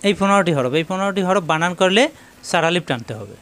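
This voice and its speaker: A man's voice: high-pitched, expressive, fast, fairly bright tone, clear, resonant tone. A man giving a Quran reading lesson for beginners, spelling out Arabic letters one by one and repeating each drill.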